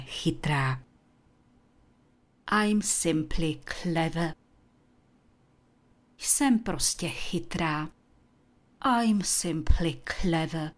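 A woman with a low voice teaches English at a slow pace, enunciating each word deliberately so learners can repeat it. The lesson is built around repetition drills.

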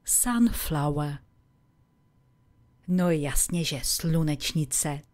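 A woman giving a scripted English lesson as a teacher, carefully and deliberately enunciating example words. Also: sits low, fairly even intonation, no echo.

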